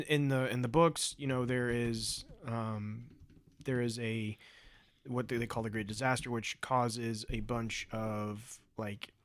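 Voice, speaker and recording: A man co-hosting a podcast in casual chat, explaining background details at a steady pace with some fillers. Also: medium pitch, no room sound. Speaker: podcast co-host.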